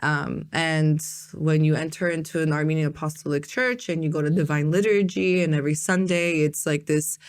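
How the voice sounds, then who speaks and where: A woman's voice: sits low, fairly even intonation, normal speed, hardly any pauses. A woman hosting a podcast, talking casually and rambling with lots of "like" and "um". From United States. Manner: rambling, heavy use of fillers like "like". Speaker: podcast host. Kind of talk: casual interview chat.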